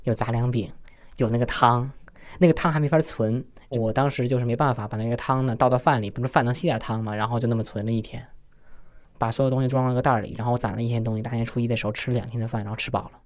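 On this first-person podcast, a Chinese man in his twenties recounts his own experiences in plain, unpolished speech. A voice changer masks him, and he speaks very fast at a medium pitch with a steady tone.

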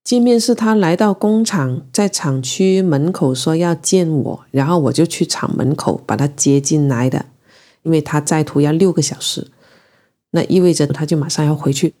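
Mellow low-voiced woman. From Guangzhou, China. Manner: reflective, unhurried and emotional in recounting. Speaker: interviewee telling her own story. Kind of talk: personal storytelling.

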